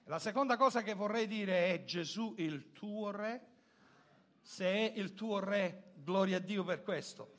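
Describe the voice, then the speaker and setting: A man from Italy preaching a church sermon, swinging between loud exclamations and low, quiet asides. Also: moderate pace. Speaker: pastor.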